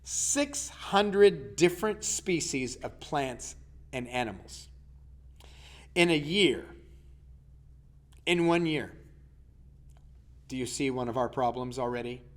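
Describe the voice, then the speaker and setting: A man's voice: medium pitch, lively intonation, slow, long pauses. A man, teaching a casual health lesson as a coach and putting questions to his listeners. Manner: chatty, asks the listener questions.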